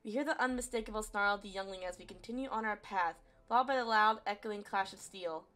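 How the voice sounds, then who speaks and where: A woman streamer reading a visual novel aloud as expressive story narration. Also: mid-range voice, fast. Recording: faint game music behind. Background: faint music.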